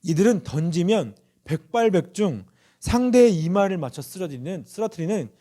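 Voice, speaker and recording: A male pastor giving a Sunday sermon, speaking earnestly, telling stories and asking the congregation questions. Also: moderate pace. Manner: lively rising and falling pitch.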